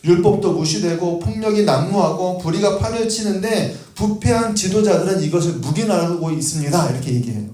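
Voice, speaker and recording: A man's voice: high voice, brisk, few pauses, dark tone, roomy sound. A man preaching a sermon at a prayer meeting in earnest, acting out a prophet's questions to God.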